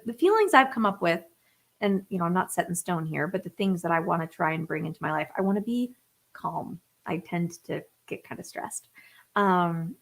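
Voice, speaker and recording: A woman in her thirties chatting casually on a live stream, thinking aloud with fillers and restarts. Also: fairly low pitch. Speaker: singer-songwriter livestream host. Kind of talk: casual livestream chat. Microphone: webcam or phone on a live stream.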